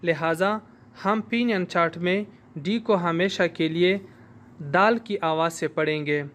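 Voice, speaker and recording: A male language teacher gives a slow, explanatory recorded lesson, modeling sounds for learners to repeat. His voice sits high and is a bit bright.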